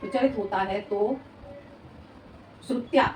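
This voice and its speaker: A woman teaching a Hindi grammar class, repeating words slowly as she dictates notes and asking her students rhetorical questions. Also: mid-range voice, a little mellow. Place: coaching classroom. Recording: echoey room, mic at a distance, faint noise.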